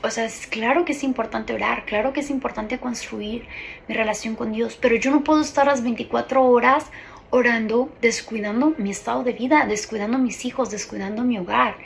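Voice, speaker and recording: Woman, 30s, ministry coordinator; earnest testimony talk, gravelly fry in the voice. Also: fairly high pitch, fairly even intonation, fairly quick, a little hiss or hum, rough recording. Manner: earnest, personal, confiding.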